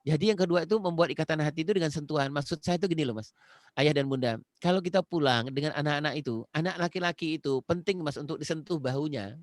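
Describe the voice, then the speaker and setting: A man's voice: fairly high pitch, fast, no room sound, clean studio sound. A man from Indonesia giving a conversational parenting talk on a video call, earnest, repeating phrases and speaking straight to his listener. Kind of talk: conversational lecture.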